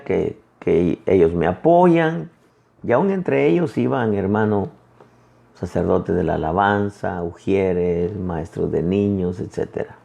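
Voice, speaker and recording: A male pastor preaching a sermon in a conversational way, often calling his listeners brother and retelling conversations in lively quoted voices. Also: mid-range voice, creaky, muffled recording.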